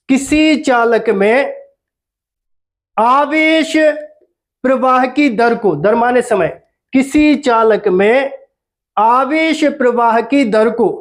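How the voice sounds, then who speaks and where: A man teaching a physics lesson, repeating key terms and quizzing his students with questions. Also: very high voice. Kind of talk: classroom lecture.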